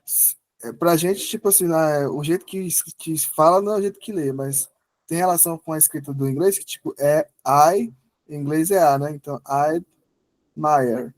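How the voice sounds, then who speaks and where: A man's voice: a little high, brisk, darkish tone, dry recording. A man asking a hesitant question in an online English class, using many fillers. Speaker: student.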